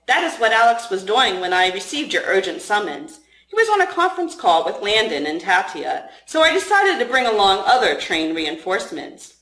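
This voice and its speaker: A woman's voice: medium pitch, big pitch swings, moderate pace, few pauses, a bit bright, roomy sound. A woman reading the lines of a playful, teasing young FBI agent in an audiobook.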